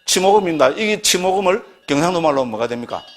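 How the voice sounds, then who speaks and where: A man's voice: a little high, lively intonation, fast. A middle-aged man giving a classroom lecture on Buddhist scripture, constantly quizzing his listeners with questions.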